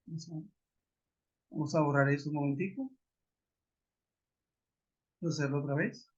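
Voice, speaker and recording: A man's voice: a little high, normal speed. A man teaching an online grammar lesson, patiently repeating example sentences. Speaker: English teacher. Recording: muffled web conference audio.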